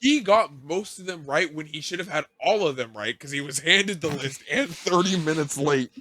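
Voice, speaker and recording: A man co-hosting a casual animation podcast, teasing his partner and breaking into animated bursts of emphasis. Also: fairly high pitch, normal speed, no room sound. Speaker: podcast co-host. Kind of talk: casual chat.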